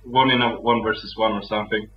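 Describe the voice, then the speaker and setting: Soft-spoken young Swedish man, muffled sound. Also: fairly even intonation, quick pace. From Sweden. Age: young adult. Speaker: guest. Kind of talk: casual interview. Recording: muffled low-fidelity audio.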